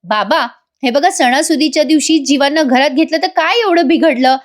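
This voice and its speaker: A woman's voice: sits high, moderate pace, voice pushed up, natural voice. A woman doing a pleading young wife. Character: pleading young wife caught between parents.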